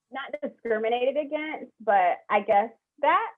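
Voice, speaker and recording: A young woman, a guest on the show, telling her personal story in an animated way, full of "like" and retold conversations. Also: a little high, slow pace. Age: young adult. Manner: animated, heavy use of "like", quotes others. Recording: tinny phone-like call audio.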